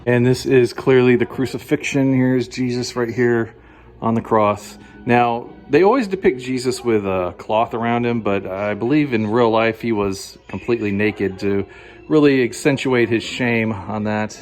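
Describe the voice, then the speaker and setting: A man vlogging a walk through an indoor wax museum, chatting with his viewers and quizzing them with questions, often pausing with fillers and restarts. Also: medium pitch. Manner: hesitant, frequent fillers and restarts. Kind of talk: casual walk-through commentary.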